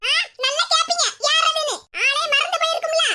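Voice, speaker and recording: A woman's voice: very high voice, little pitch movement, fairly quick, background noise, voice pushed up. A woman voicing a furious old Kanyakumari mother-in-law. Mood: angry, scolding. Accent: Kanyakumari Tamil. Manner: scolding, combative. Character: angry older mother-in-law, sharp-tongued. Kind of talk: animated cartoon comedy voice.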